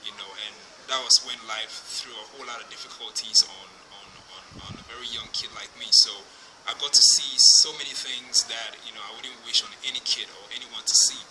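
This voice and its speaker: A young man from Liberia, a musician guest in an interview, answering in a halting way with many fillers and restarts. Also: medium pitch, steady tone. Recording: noisy background.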